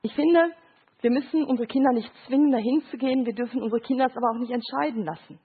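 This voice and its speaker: Husky-voiced woman giving a grief talk. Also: fairly high pitch, quick pace. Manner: explains with short examples and quoted voices, asks "Ja?". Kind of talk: lecture with picture cards. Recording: thin phone-like sound.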